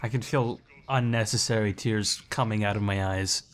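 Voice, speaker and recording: A man's voice: fairly low pitch, fairly even intonation, moderate pace. A young man co-commenting on a game, with crude, profane banter. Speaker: let's play co-commentator. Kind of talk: casual gaming commentary.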